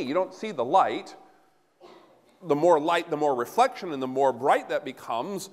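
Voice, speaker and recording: A middle-aged pastor with a high-pitched voice preaches an animated sermon, pacing in front of the altar. His voice carries through a large sanctuary and trails off in a long reverb, picked up from a distance. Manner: animated, gesturing, walking about while preaching. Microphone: no handheld mic, recorded from a far camera.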